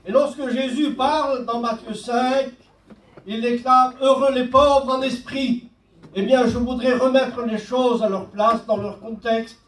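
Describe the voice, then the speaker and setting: A male pastor preaching with a very high voice and an unhurried, deliberate delivery. He quotes scripture line by line. The sound is roomy and picked up from some distance, like a mic across a church hall. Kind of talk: sermon.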